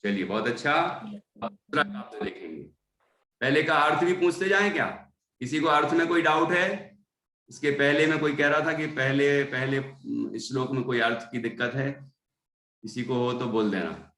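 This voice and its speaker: A man teaching a class, patiently correcting recitation and repeating syllables slowly. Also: mid-range voice, sharp tone, echoey room, rough recording. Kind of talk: online class correcting pronunciation.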